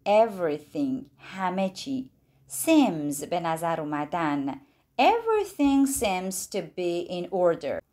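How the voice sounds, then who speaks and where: A woman teaching English to Persian speakers, whose first language is Persian. She explains quickly and then repeats each English phrase slowly and clearly. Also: on the low side, very animated, warm tone.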